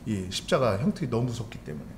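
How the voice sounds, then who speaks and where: A man's voice: medium pitch, very animated, quick pace. A man pastor giving a sermon in a church, talking conversationally and putting questions to the congregation. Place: church sanctuary. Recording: echoey church with faint room noise.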